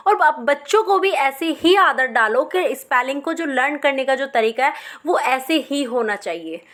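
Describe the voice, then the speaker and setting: A woman's voice: high-pitched, animated, normal speed, a bit bright. A woman teacher explaining English spellings, sounding words out syllable by syllable. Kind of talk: spelling lesson.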